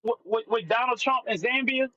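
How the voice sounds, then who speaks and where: A man with a high, bright voice comes through a video call with a weak signal. He talks casually and haltingly, restarting often and filling gaps with "um". The call audio is dull and lo-fi. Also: no echo. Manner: halting, with many fillers and restarts. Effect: on a video call with a bad signal. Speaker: caller on a live discussion. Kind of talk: casual chat.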